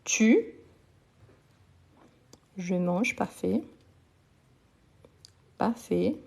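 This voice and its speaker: A woman teaches French conjugation live and unhurried, with a mellow, warm tone. She is patient, repeats each word several times and keeps praising the people following along. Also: mid-range voice, lively intonation, gravelly. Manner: slow, patient, repeats words and praises learners. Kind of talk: live online conjugation lesson.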